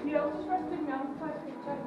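A woman's voice: high voice, rapid-fire. A woman chatting and joking while touring a show cave, her voice echoing off the rock. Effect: cave echo. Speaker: family member visiting a show cave. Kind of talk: casual chat while touring. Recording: echoey cave, dull lo-fi sound. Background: loud piped music in the cave.

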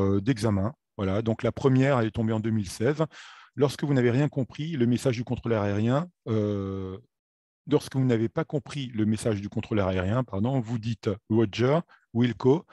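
A French-speaking man giving a video lesson on aviation, talking in a halting way with many fillers and self-corrections. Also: lowish voice, warm tone, no echo. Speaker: aviation theory instructor.

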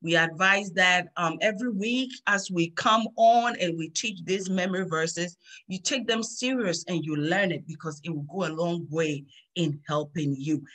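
Middle-aged female kids' class host, bright tone, upbeat and repetitive, on a video call. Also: lowish voice, normal speed. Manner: warm, upbeat, repeats phrases to children. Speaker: children's Sunday school host. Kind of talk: teaching kids over video call.

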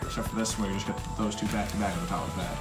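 A man's voice: fairly low pitch, fairly even intonation, rapid-fire, loud music behind the voice. A man co-hosting a card-collecting show, offering wry, teasing commentary and tracking pull odds. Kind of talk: casual chat while opening packs.

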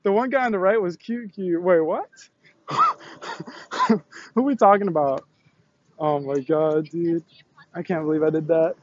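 A young man live-streaming outdoors on a college campus from a selfie stick, excitable and slangy, laughing often and swearing, out of breath and sweaty after push-ups. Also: high-pitched, a little slow, pauses often, lo-fi sound, slight background noise. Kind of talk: casual live-stream chat. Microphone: selfie stick tripod.

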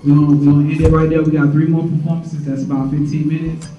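A man's voice: on the high side, level tone, fast talker, warm tone, dull audio. Casual young male host in an echoey room. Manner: casual, repeats himself, addresses the crowd as y'all. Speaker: event host. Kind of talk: announcements to a crowd. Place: indoor event room. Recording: echoey room, from far off the mic.

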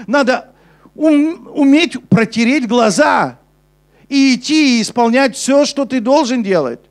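A young man preaching a sermon on a church stage with a handheld mic, switching between emphatic urgency and a soft, low delivery. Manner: preaching with rising intensity, then dropping soft and low for scripture. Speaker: pastor. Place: church stage before a congregation.

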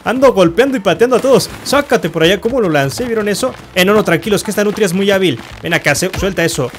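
A man's voice: high-pitched, lively intonation, fast, slight background noise. A man giving playful gameplay commentary, teasing and mock-insulting, often laughing and yelping. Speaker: gaming youtuber.

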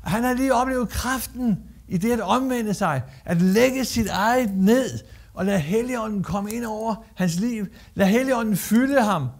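High-voiced Danish-speaking preacher. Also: male voice, gravelly. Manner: emphatic, repeats phrases, acts out Bible quotes. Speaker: guest preacher. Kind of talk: sermon.

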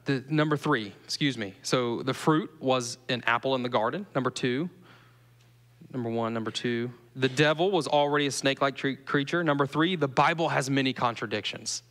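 A man's voice: medium pitch, a bit bright. Man preaching in a reverberant church. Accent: Southern US. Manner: conversational, asks the congregation questions. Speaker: pastor. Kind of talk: sermon. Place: church sanctuary. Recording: long reverb of a church hall.

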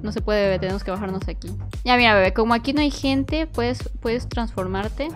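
A woman giving playful commentary on a game, excitable, squealing and shrieking at every fall. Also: fairly high pitch, brisk, soft background music. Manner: talks to the baby as she plays. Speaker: gaming youtuber.

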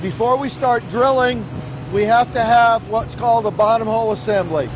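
A man's voice: extremely high pitch, normal speed, background noise. A middle-aged man giving an informative technical explanation, as a drilling expert on a tour.

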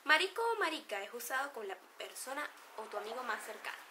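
A beauty vlogger with a Venezuelan accent talks playfully to the camera, laughing a lot while she explains slang. Her voice is a little high and sing-song, she speaks fast, and background noise can be heard.

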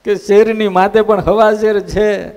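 Swami doing a cocky monkey god, kinda high and punchy, long echo hall. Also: male voice, flat delivery, a little slow, a little mellow, clear, resonant tone. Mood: teasing. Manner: teasing, boastful threats. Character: mighty playful male monkey god.

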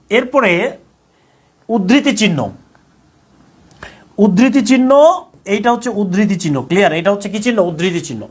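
A male Bangladeshi exam-prep teacher giving an online grammar lesson, repeating each point and checking with "clear?". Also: high-pitched, a bit bright. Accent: Bangladeshi Bengali. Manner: repetitive, drills points with frequent "clear?" checks.

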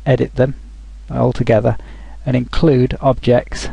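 A man talking through a software tutorial over a screen recording, thinking aloud with frequent restarts. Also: mid-range voice, flat delivery, measured pace, vocal fry, breathy edge, no room sound, poor audio.

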